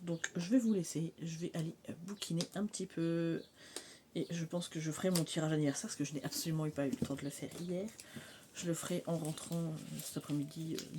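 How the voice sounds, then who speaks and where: A woman's voice: low-pitched, noisy background. A woman in her thirties chatting casually in a home vlog, rambling with many fillers and sometimes dropping to a whisper. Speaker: vlogger. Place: mobile home on a hot day.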